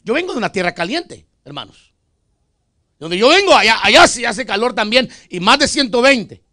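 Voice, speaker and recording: A man with a high voice preaches from a church pulpit. He shifts between fervent, loud declarations and soft, joking asides, and keeps addressing the congregation as his brothers. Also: big pitch swings, moderate pace, no echo, clean studio sound. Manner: calls out "hermano" to the congregation. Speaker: pastor. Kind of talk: Spanish sermon. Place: church sanctuary.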